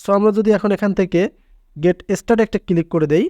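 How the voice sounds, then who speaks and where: A man with a notably high voice leads a screen-recorded app tutorial in an insistent, repetitive way. The recording is close and dry, with no room sound behind him. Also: fast talker, darkish tone, no echo. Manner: insistent, repeats filler words for emphasis. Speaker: tutorial channel host.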